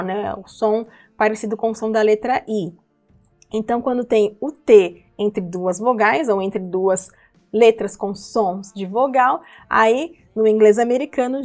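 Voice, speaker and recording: A woman's voice: fairly high pitch, darkish tone. A woman, teaching English pronunciation from song lyrics, patient and repetitive, checking in with her listeners. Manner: patient, repeats words slowly and checks in with listeners.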